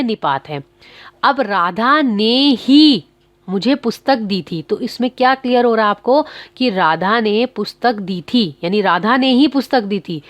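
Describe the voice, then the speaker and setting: A woman with a slightly high voice teaches grammar to schoolchildren. She is patient and keeps posing questions, then answering them herself. The sound is dry and close, with no room around her. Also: no room sound.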